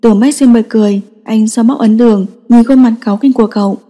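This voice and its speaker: A woman narrating a story in a steady, scripted storytelling style. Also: fairly high pitch, fast talker, in a large hall, faint music behind. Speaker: audiobook narrator.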